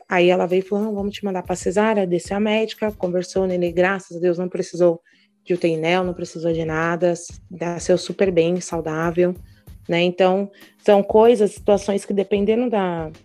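A young Brazilian woman recounting a hard hospital birth in casual conversation, animated and indignant, peppering her talk with "né". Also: lowish voice. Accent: Brazilian Portuguese. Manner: animated, indignant retelling with many "né". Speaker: guest telling her birth story.

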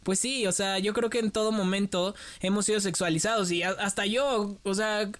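Young man, lively storyteller. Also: high voice, normal speed. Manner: lively storytelling, acts out quoted voices. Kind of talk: casual chat.

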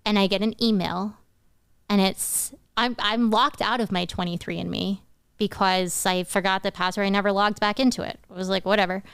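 A woman in her thirties, a podcast guest, telling a personal story in a lively, quick way. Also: mid-range voice, clean tone, dry recording, studio quality. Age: 30s. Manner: animated, quick-talking, breaks into laughs. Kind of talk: casual storytelling.

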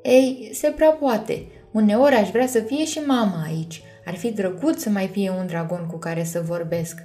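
A tiny male dragon from a storybook, excitable and dramatic, gushing in a voice pitched well up and pushed loud, as a woman acts him out. Faint music plays underneath. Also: lightly acted. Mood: wistful. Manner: gushing, theatrical.

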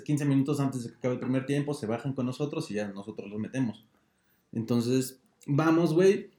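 A man's voice: mid-range voice, darkish tone, reverberant. A man with a Mexican accent telling a rambling story full of swearing and slang on a podcast. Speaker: podcast co-host. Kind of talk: casual chat.

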